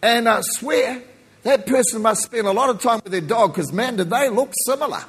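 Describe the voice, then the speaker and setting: A man from New Zealand with a New Zealand accent softened by Australian, preaching a sermon in an emphatic, folksy way with joking asides and a husky voice. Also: very high voice, animated, moderate pace. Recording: echoey hall with long reverb.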